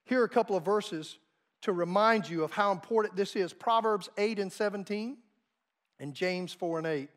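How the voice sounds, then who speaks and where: High-voiced preacher man, emphatic storytelling. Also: moderate pace. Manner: storytelling, emphatic, dramatic swings in volume. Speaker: pastor. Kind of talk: sermon.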